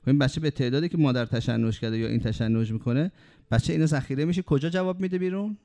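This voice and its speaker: A man delivers a sermon in a warm, dark voice at an ordinary pitch. He tells anecdotes and drives home each point with emphatic rhetorical questions. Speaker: preacher.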